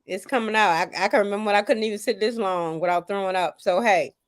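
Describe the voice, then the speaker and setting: A woman's voice: medium pitch, quick pace, no echo, clean studio sound. Emotional woman thanking her listeners. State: recovering from chemo, tired. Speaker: host. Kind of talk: casual livestream chat.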